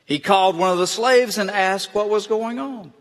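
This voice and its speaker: A man reading the Gospel lesson aloud in a church service, measured and deliberate. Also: high voice. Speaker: scripture reader. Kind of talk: liturgical scripture reading. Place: church sanctuary. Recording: echoey church with long reverb.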